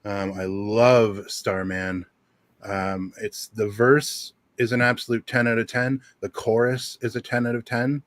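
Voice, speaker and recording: A man's voice: on the low side, little pitch movement, unhurried, dry recording. A man who hosts a radio show, chatting casually and rambling through music picks with lots of ums. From Southern Ontario. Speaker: radio host. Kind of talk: casual livestream chat.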